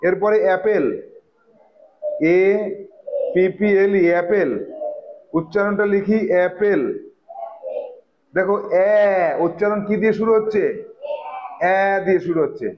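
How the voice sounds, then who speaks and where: A man with a high voice teaches an online English grammar class in Bengali. He keeps asking his pupils questions and has them repeat words after him. The recording sounds dull and lo-fi. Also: steady tone, unhurried, long pauses, slight background noise.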